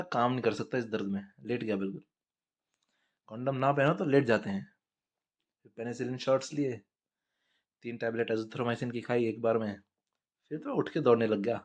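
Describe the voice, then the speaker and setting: Blunt, profane male storyteller. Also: medium pitch. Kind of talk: crude comedic monologue.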